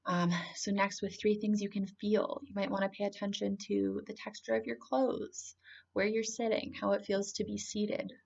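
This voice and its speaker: Calm lady talking you through a grounding exercise, chatty explaining, bit of vocal fry, kinda muffled lo-fi audio. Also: medium pitch, moderate pace. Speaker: presenter guiding a grounding exercise. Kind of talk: informal spoken lesson, calm grounding exercise.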